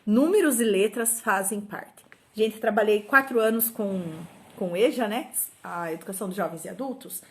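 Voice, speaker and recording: A middle-aged woman teacher with a Brazilian Portuguese accent who explains step by step, sounding out syllables slowly and often checking in with her listeners. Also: medium pitch. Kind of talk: informal talk on teaching children to read.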